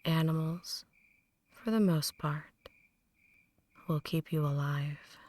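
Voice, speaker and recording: A woman gives a slow, intimate dramatic monologue as an ancient female vampire in an ASMR roleplay, captured in a dry recording. Her voice stays low, soft and breathy, frequently dropping to a whisper, with fairly even intonation and a cold, instructive mood. She draws out each phrase, deliberate, condescending and softly menacing, like a possessive mentor to a newborn.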